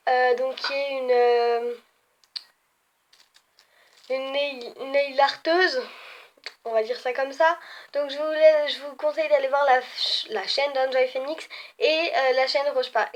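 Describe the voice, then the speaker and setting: A young woman chatting casually in a vlog, filling pauses with "euh" and often correcting herself as she ranks her favourites. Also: sits high. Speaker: beauty vlogger. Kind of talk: casual ranking video.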